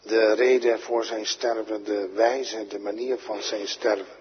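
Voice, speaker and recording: A man's voice: fairly low pitch, level tone, unhurried, husky. A Dutch-accented man preaching a sermon, earnest, his voice swelling when he quotes prayers. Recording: dull lo-fi recording in a reverberant church.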